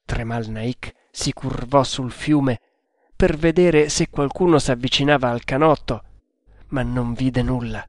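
A man narrating an adventure story in an audiobook with slow, deliberate storytelling. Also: medium pitch, dry recording, clean studio sound.

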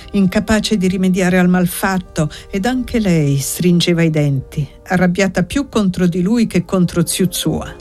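A woman reading a literary novel aloud in a measured, steady narration. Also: fairly low pitch. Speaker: audiobook narrator. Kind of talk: scripted narration.

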